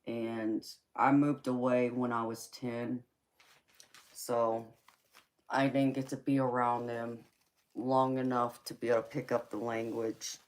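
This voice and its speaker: A young tarot reader with a Southern accent talks with viewers on a casual livestream, frequently laughing and answering comments. Her pitch is extremely low and darkish in tone, with little movement and a slow pace.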